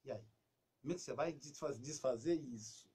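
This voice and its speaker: A man with a Brazilian Portuguese accent dispenses casual advice on a talk show, his voice brisk and slightly rough. He stays lively, dramatizing quoted lines and occasionally dropping to a soft, low tone.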